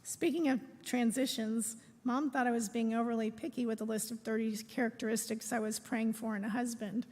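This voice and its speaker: A middle-aged woman reads a prepared eulogy aloud in a measured, phrase-by-phrase way, speaking in a large room. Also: a little high, fairly even intonation, a little mellow. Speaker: daughter giving a eulogy. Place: large room at a memorial service. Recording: echoey hall with long reverb.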